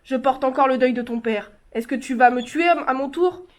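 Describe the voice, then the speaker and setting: A woman's voice: sits high, moderate pace, natural voice. Woman as a frightened grieving mother. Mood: tense. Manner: tense, pleading and scolding. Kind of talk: stage play reading.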